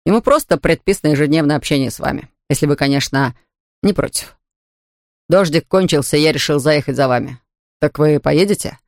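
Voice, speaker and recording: A woman reading an audiobook, voicing a calm middle-aged male doctor in a slow, measured way. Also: deep voice, no room sound. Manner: slow, measured and gently dry.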